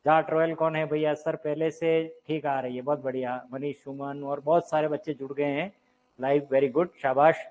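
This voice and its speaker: A man's voice: on the high side, steady tone, normal speed, a little mellow, dull audio. A man teaching a live online Hindi grammar class, talking straight to his viewers, quizzing them and answering his own questions. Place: teaching room with a board.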